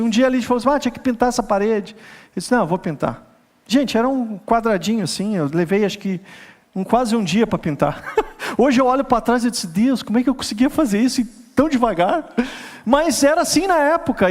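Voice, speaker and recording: A middle-aged man from Brazil, preaching a storytelling sermon and laughing often as he tells it. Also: high-pitched. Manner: animated, laughing storyteller who builds to a rising appeal. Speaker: pastor.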